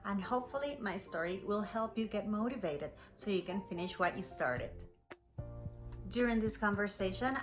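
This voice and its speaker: With a medium-pitched, slightly bright voice, a native Spanish-speaking woman from Costa Rica shares a personal story with English learners. She teaches English, has a Costa Rican accent, and keeps her phrasing clear and encouraging.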